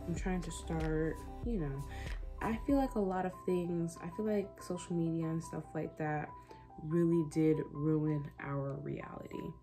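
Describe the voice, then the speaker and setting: Over music, a 20-year-old vlogger chats candidly from her small bedroom, letting her personal reflections ramble casually. Her voice is low-pitched, with fairly even intonation and a slightly slow pace.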